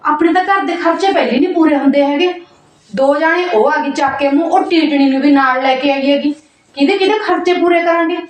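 A woman's voice: high voice, brisk, close to an everyday voice. A woman playing a nagging, stingy sister-in-law. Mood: grumbling. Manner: complaining, nagging. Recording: echoey room, far mic.

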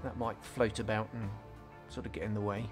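Fairly low in pitch, level, and brisk, a man's voice comes over music as he hosts a scale modelling tutorial. He talks casually through each step in this relaxed hobby voice-over, frequently saying um and restarting.

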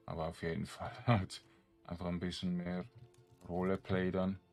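A deep, monotone male voice with a darkish tone offers casual commentary at normal speed while streaming a game. He addresses himself and his viewers and sometimes reads the game's text aloud, with faint music playing behind.

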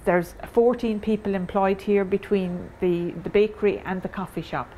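A woman's voice: mid-range voice, fairly even intonation, normal speed, dark tone, slight background noise. An older woman with an Irish accent, a bakery owner explaining her trade plainly in a documentary interview, with some fillers. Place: café interior.

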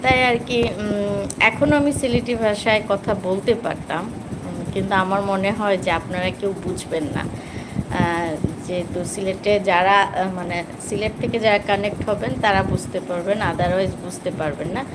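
A woman from Bangladesh talking casually to viewers on a livestream, pausing often with hesitation sounds. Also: medium pitch, background noise. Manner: chatty, with many hesitation sounds. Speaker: vlogger hosting a livestream. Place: at home after coming in from outside.

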